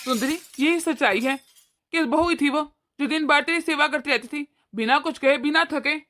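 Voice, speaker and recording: A woman voicing a wise older father-in-law in a cartoon, gently lecturing his wife. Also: sits high, normal speed, slight background noise. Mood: calm. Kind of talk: cartoon voice acting.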